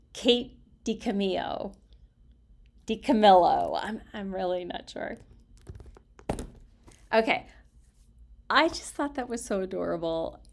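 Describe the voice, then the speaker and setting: This vlogger, a storyteller around sixty, has a heavily creaky, gravelly voice pitched in the mid-range. Worn out and slightly punchy after little sleep, she chats to camera in a loose, rambling way, warm, expressive and prone to giggles.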